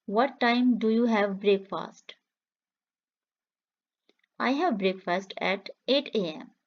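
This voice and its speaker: A woman reading English practice questions and answers slowly for learners, saying each line twice in a clear, measured way. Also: mid-range voice, dull audio. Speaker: English teacher. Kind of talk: slow repeated phrase reading for learners.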